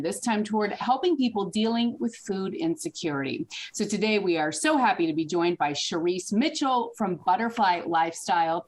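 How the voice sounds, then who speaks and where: A woman hosting a talk show, introducing a guest and asking questions in an upbeat way. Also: mid-range voice. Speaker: host. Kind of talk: show host interviewing.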